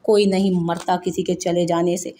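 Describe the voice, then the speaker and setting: A woman's voice: fairly low pitch, level tone, moderate pace, warm tone, close to an everyday voice. A woman voicing a heartbroken young wife who sobs and pleads yet stands firm, in a narrated audio novel. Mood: tearful defiant.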